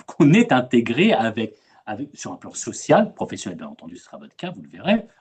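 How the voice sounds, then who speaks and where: A man's voice: medium pitch, brisk, husky. A man with a French accent moderating a webinar over a video call, talking in a conversational way, often repeating words as he goes. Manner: hesitant, repeats words, animated emphasis. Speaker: webinar moderator and expat coach.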